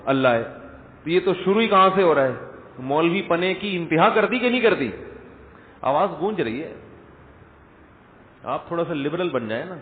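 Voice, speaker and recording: A man's voice: fairly high pitch, animated, pauses often. Male preacher, Friday lecture, chatty rhetorical delivery, long hall reverb. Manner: conversational, rhetorical questions, jokes with audience. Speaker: religious scholar. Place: large echoing hall. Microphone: speaker system mic. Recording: echoey hall over tinny lo-fi line.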